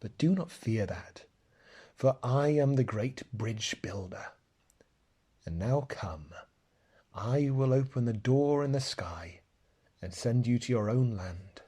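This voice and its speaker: A man voicing a great, gentle, wise male lion in a storybook reading, speaking low, slow and husky, close to a whisper. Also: animated. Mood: solemn.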